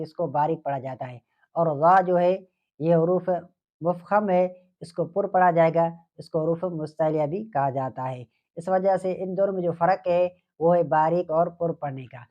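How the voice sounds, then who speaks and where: A man teaching Quran letter pronunciation who asks his students questions and answers them himself, slowly drawing out letters and verses as he recites them. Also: sits high, darkish tone. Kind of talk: tajweed lesson with call-and-response questions. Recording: dull lo-fi recording.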